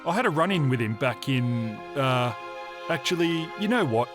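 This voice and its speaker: An actor playing a laconic, cautious wasteland wanderer who talks in a casual, hesitant way. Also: male voice, mid-range voice, animated, moderate pace, music in the background, lightly acted. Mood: guarded, casual.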